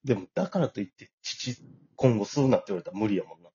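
Kansai-accented male co-host, very raspy, animated pitch, absurd quips, lo-fi. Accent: Kansai Japanese. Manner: absurd jokes, quick comebacks. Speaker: podcast co-host. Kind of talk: casual comedy radio chat.

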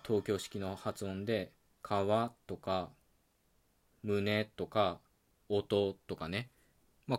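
A calm, low-voiced man with an Okayama accent hosts a solo talk show. He explains things in a relaxed, chatty way, with plenty of filler words. Soft background music plays quietly behind him. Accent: Okayama dialect. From Okayama, Japan. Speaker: podcast host.

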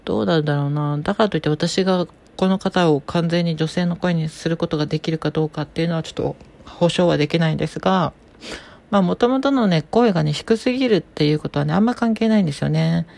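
A woman hosting her own podcast as a voice trainer, giving advice in a calm, explanatory, conversational way. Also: fairly low pitch, fast talker, vocal fry. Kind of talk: casual solo podcast talk.

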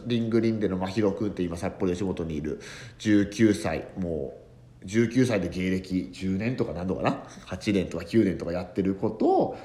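A man's voice: low voice, expressive, normal speed, warm tone. A man hosting a casual solo podcast, telling a rambling story with many fillers. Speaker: podcast host, comedian and tanka poet.

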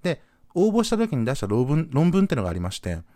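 A man from Gunma hosting a podcast, telling a story in a casual, animated way and acting out the voices of the people in it. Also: mid-range voice, fast, dry recording, clean studio sound. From Gunma, Japan. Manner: animated, acts out quoted voices. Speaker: podcast host.

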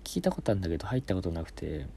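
A man's voice: low voice, very animated, very fast, creaky, warm tone, a little hiss or hum. A young man hosting a casual solo talk show, telling rambling stories and answering listener questions, often dropping into whispered asides. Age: young adult. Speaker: podcast host.

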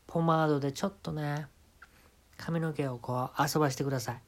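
A man with a Kansai Japanese accent talks alone into a home podcast microphone. He tells an absurd story in a comic monologue and gives mock-serious instructions. He sometimes drops into a soft whisper for quoted lines. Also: fairly high pitch, fairly even intonation, a little fast. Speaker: podcast host.

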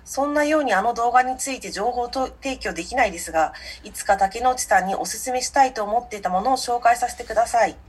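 A female radio assistant reads listener mail aloud in a polite, measured way. Her voice sits somewhat high and has a soft, breathy quality. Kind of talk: reading a listener letter and chatting.

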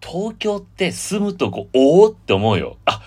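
A man hosting a casual chat podcast, telling a story in an animated way and reading titles dramatically. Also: fairly high pitch, unhurried, slightly rough. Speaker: podcast host.

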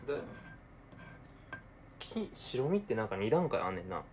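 Excitable young Kansai man, low voice. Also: quick pace, slight background noise. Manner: talks to himself, alternating mumbling with excited outbursts. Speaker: podcaster. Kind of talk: casual solo talk while cooking.

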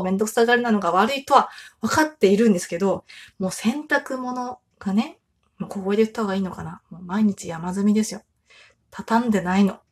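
Brief: breathy-voiced woman in her 30s, mom hosting a solo podcast, chatty and animated, laughs a lot. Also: a little high. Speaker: podcast host. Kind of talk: casual solo chat.

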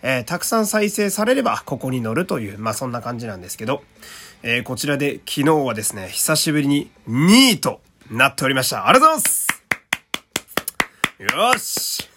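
Lively-pitched chatty male voice actor. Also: a little fast, a little hiss or hum. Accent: put-on Kansai dialect mixed with standard Japanese. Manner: chatty, self-deprecating, laughs often, reads listener letters aloud. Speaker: voice actor hosting a solo talk radio show. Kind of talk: casual solo talk radio chat.

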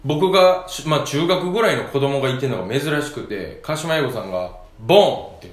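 Kansai guy chatting fast on a radio talk show, pitch jumping all over, echoey room. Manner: animated storyteller, quick and lively, laughs often. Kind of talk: casual chat.

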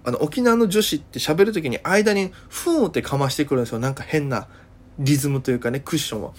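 A man's voice: fairly high pitch, lively intonation, fast talker. A man from Okinawa hosting a solo talk show, telling a casual story in a rambling way, full of fillers and self-corrections. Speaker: podcast host.

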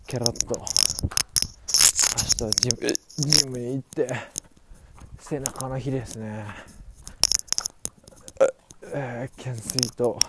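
Heavy noise surrounds a man in his mid-twenties with a mid-range voice. He is very drunk and rambles through a casual solo podcast. His speech halts, restarts and repeats itself as he goes. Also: medium pitch. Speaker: podcast host. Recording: clearly noisy recording with clicks.

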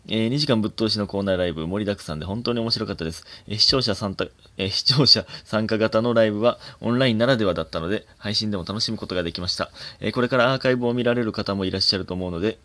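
A man with a Kansai accent hosting a casual solo comedy podcast, reading listener mail, chuckling often and getting animated when he rants. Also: fairly low pitch.

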